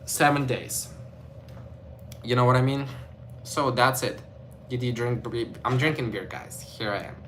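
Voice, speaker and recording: Speaking a little slowly with frequent pauses over background noise, this young Ukrainian man has a medium-pitched voice and a Ukrainian accent. He vlogs casually to camera, wandering in his talk and leaning on "like" and "you know."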